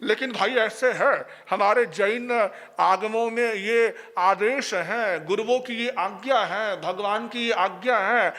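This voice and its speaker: Man, Jain monk, storytelling sermon, animated and playful, bright tense tone. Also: high voice, slow, few pauses. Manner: animated, playful, acts out voices.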